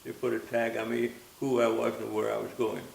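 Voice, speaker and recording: In a reminiscing interview, a nonagenarian raised in Austria speaks gently, pausing and revisiting what he has just said. His voice sits in the mid-range with little pitch movement and a heavy gravelly fry. Echo fills the room, with a faint hiss under the audio.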